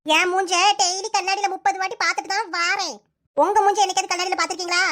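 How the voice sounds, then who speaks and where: Woman voicing a very high, rapid, shrill young cartoon sister-in-law with a Kanyakumari Tamil accent, always picking fights. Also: fairly even intonation, a bit bright. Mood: mocking. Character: bickering young village sister-in-law Swetha. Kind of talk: cartoon comedy dialogue.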